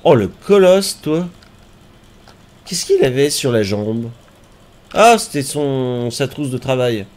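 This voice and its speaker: A man streaming a game, reacting out loud with yelps and groans and talking to the enemies on screen. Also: medium pitch, sing-song, slow, long pauses. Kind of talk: live gameplay commentary.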